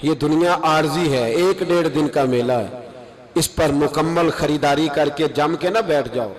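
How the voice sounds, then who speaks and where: A man preaching a sermon with passion, his voice climbing into high emphatic calls.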